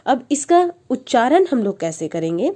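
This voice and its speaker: A woman's voice: fairly high pitch, big pitch swings, moderate pace, dark tone. A woman teacher, patiently explaining a phonics lesson for parents and sounding out letters.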